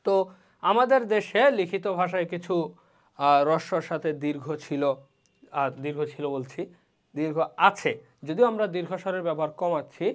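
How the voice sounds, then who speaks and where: A teacher walks through an online class lecture step by step. The speaker asks questions and answers them, and sounds out each vowel slowly as an example. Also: medium pitch.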